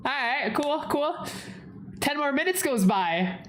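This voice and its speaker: A woman's voice: high-pitched, animated, slow, a bit bright. A young woman casually telling a long, rambling story. She swears often and repeats her phrases.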